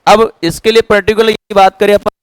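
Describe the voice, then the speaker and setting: A man's voice: sits high, little pitch movement, fairly quick, clear, resonant tone, no echo, poor audio. Teacher quizzing his class. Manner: keeps quizzing students with "clear?". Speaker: chemistry teacher. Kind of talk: classroom lecture.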